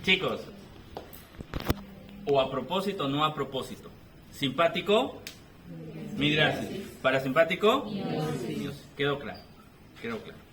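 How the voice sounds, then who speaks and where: A man with a Peruvian Spanish accent giving an animated physiology lecture, playfully teasing his students with questions. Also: a little high, measured pace, long pauses, a crowd in the background. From Peru. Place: lecture room. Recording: echoey room, voice from a distance.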